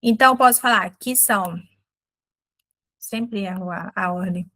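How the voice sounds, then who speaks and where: A woman with a Brazilian Portuguese accent teaching an English lesson, patiently explaining and saying English example phrases slowly and clearly. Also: mid-range voice, sharp tone, dry recording.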